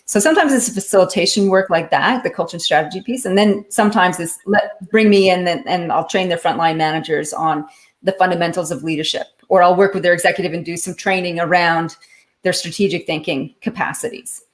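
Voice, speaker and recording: A leadership author and consultant, appearing as a guest in a live online interview, explains her consulting work clearly and articulately with occasional light laughter. Her voice is on the low side and brisk.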